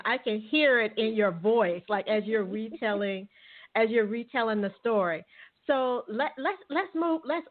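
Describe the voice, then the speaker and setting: A woman host with a fairly high voice who gushes with enthusiasm and laughs often. Her voice is squeezed into a thin phone-line band. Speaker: podcast host. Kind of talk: casual interview chat. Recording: phone-line call audio.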